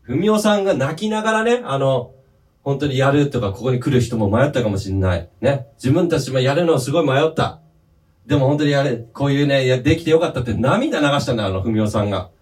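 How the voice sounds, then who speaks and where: Fukushima-accent guy ribbing his cohost, rough and jokey, voice jumps all over, sounds a bit far from the mic. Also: medium pitch, lively intonation, fast talker, darkish tone. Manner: rough, teasing, peppers speech with "omae". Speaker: talk show co-host. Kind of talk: casual comedic chat.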